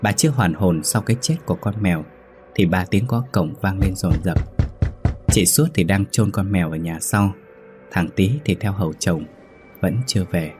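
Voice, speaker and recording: A man narrating a ghost story in a steady, brisk storytelling manner. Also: deep voice, music in the background. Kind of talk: scripted horror story narration.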